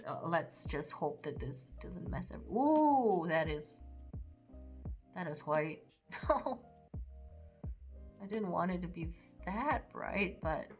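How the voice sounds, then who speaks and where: Casting: female beauty vlogger, slightly low voice, informal and hesitant, faint music underneath. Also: big pitch swings, drawn-out words, pauses often, darkish tone. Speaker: makeup vlogger. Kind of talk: casual makeup tutorial chat, thinking aloud.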